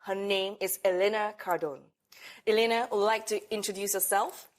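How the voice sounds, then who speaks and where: A woman's voice: mid-range voice, fairly even intonation, a little fast. A woman hosting a podcast interview, speaking in an upbeat, promotional way. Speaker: podcast host. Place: hotel in Singapore.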